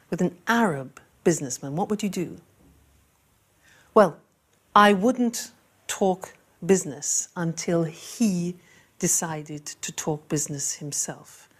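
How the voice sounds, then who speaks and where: A woman teaching an English lesson, speaking clearly and repeating key phrases for learners. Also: lowish voice. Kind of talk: classroom lesson.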